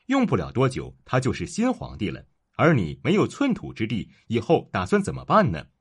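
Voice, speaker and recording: A man's voice: mid-range voice, huge pitch swings, a little fast, slightly rough, full character voice. A man voicing a cunning scheming court official. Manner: persuasive, insinuating.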